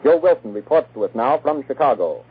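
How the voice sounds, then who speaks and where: A man's voice: medium pitch, lively intonation, a little fast, husky, phone-quality sound. A man reading the news as a radio announcer in a formal 1940s style, heard from an old archival broadcast.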